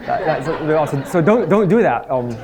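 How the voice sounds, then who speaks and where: Over a noisy crowd, a middle-aged Dutch man, a physics professor, gives a conference talk on stage in front of a live audience. His voice is on the high side, animated and quick. He tells humorous anecdotes with wry self-deprecation and restarts frequently.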